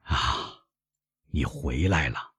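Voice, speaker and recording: A man reading an audiobook, voicing a frail, gentle old father who speaks weakly and softly, at times nearly whispering. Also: extremely low pitch, sing-song, a little slow, husky, no room sound, exaggerated voice. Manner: weak, soft-spoken, sometimes whispered.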